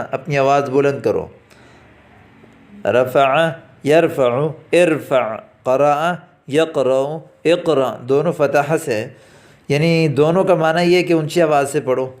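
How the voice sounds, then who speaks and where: Man slowly teaching Arabic phrases. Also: a little high. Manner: slow, drawn-out reading of Arabic phrases, then quick Urdu explanation. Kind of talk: classroom lesson explaining Arabic phrases in Urdu. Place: academy lesson recording.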